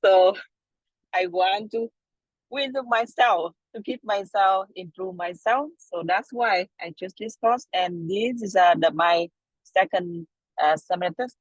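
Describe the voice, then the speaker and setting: A woman introducing herself to her class from a car speakerphone while driving, speaking in halting, hesitant phrases. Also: mid-range voice, dry recording. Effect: over a car speakerphone while driving. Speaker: student. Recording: dull lo-fi car call audio.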